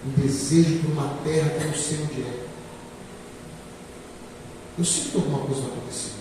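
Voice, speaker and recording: Pastor, man in his 40s, emphatic sermon delivery, high voice with long echo. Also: fairly quick, noisy background. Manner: emphatic preaching, swings from quiet to loud. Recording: echoey hall from far off.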